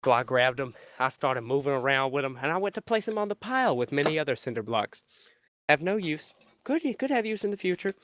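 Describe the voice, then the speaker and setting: A man's voice: on the high side, very animated, brisk, background noise. Profane, rambling man telling a story. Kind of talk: casual spoken anecdote. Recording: muffled dry recording.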